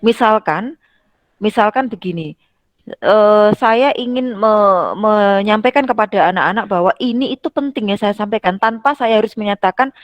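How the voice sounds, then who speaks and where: A woman's voice: mid-range voice, normal speed, no room sound. A middle-aged woman lecturing on teaching skills in a conversational way, acting out classroom examples with changing intonation. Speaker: university lecturer.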